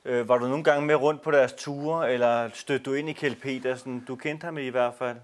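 Man gently prompting a guest. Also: mid-range voice, fairly even intonation. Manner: prompting, conversational. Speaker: interviewer. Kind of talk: interview questions.

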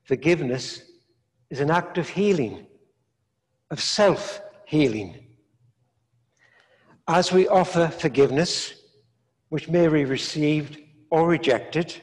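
An older man, a priest, preaching a sermon in slow, measured phrases with long pauses, recorded in a large stone church. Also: fairly high pitch. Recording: echoey church from a distance.

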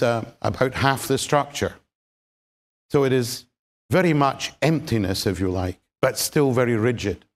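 A chemistry lecturer with a Scottish accent and a medium-pitched voice gives a public science talk. He explains things in a measured way, with plenty of ums and dry humor.

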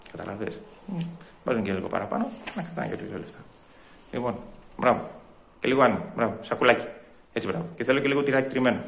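A man playing a fussy, complaining male shopper at a supermarket cheese counter, in a one-man comedy sketch, ranting loudly and muttering asides. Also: medium pitch. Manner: loud indignant ranting, repeats himself, muttered asides.

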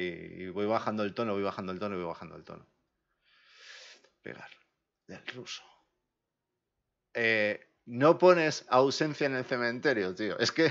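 Man with a Spain Spanish accent, live game streamer, casual slangy chat, low creaky voice, drifts from the mic. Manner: chatty, slangy, often mutters quietly. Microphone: desk mic, sometimes far from it. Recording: dull lo-fi stream audio.

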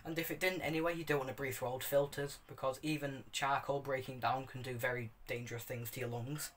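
A man's voice: mid-range voice, steady tone, a little fast, a bit bright. A young man giving a casual, unscripted review, rambling and correcting himself as he demonstrates. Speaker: hobbyist video reviewer.

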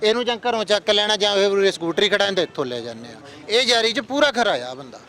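A man's voice: high-pitched, lively intonation, fast talker, bright, forceful tone. A young man with a Punjabi accent chatting earnestly outdoors, explaining his views to an interviewer. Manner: earnest, explanatory, addresses friends as brother. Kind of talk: casual street chat. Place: outdoors on a street.

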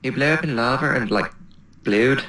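A Welsh man joking excitably as a let's play co-host. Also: mid-range voice, normal speed, slight background noise. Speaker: gamer co-host. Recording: roomy echo.

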